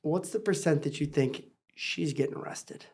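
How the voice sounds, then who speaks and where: A woman's voice: low voice, normal speed, a little mellow. A woman hosting a reaction show, giving casual commentary on a video. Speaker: host of a lawyer reaction show.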